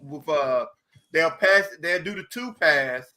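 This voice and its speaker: A man's voice: fairly high pitch, animated, slow, pushed and bright. A man arguing insistently in a heated basketball debate, repeating his points as a podcast co-host. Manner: insistent, argumentative, repeats himself.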